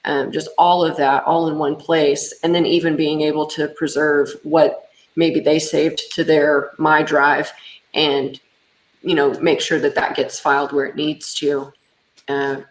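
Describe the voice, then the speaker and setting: A woman's voice: low voice, flat delivery, measured pace. A woman hosting a casual business webinar, talking conversationally with fillers like um and you know. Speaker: webinar host and business owner. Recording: echoey room sound.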